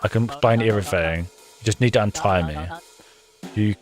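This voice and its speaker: A man reading aloud the lines of a smooth-talking, evasive middle-aged man in a coaxing way. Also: fairly low pitch, normal speed, close to an everyday voice. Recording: game music playing behind.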